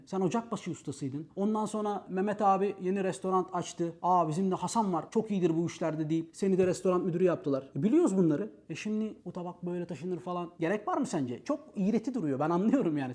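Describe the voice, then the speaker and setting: A man rattles through a comic storytelling monologue at a rapid clip. He is brash and slangy, mocking the people he describes, and he talks in an animated way throughout. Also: high-pitched. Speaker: host.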